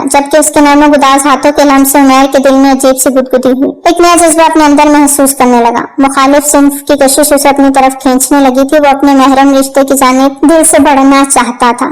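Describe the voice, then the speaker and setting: A woman storyteller reading a scripted story with steady, dramatic narration. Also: high voice, low-quality recording.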